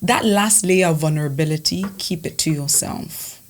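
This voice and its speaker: A woman's voice: sits low, normal speed. A woman talking casually and reflectively as a podcast co-host, repeating phrases for emphasis.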